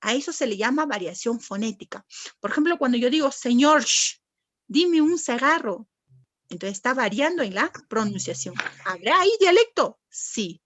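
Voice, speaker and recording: A woman's voice: fairly high pitch, very animated, a little fast, fairly bright tone, no echo. A woman teacher, giving a classroom lecture and patiently asking the class questions and answering them herself.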